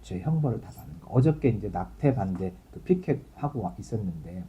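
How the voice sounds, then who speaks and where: A man preaches in a deep, mellow, very dark voice. He reads scripture aloud and then explains it in easy, conversational terms. The recording sounds slightly dull and muffled. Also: sing-song, a little fast. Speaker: pastor. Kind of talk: sermon.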